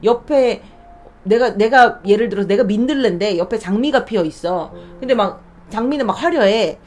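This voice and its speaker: Woman, podcast testimony host: earnest, very lively pitch, soft music under. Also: moderate pace. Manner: earnest, animated, talks to listeners directly. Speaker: church deaconess, podcast host. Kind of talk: faith testimony talk.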